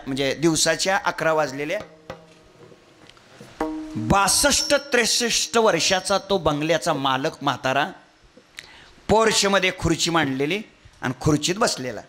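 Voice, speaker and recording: A man's voice: high-pitched, pushed and bright. A man preaching a devotional kirtan sermon, telling a story and quizzing his audience.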